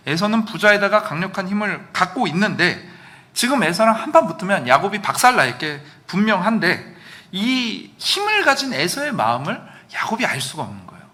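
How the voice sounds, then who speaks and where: A male pastor preaching a sermon in a church, lively, now and then acting out quoted lines loudly. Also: high voice. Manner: animated, acts out quoted lines with sudden loud outbursts. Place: church sanctuary.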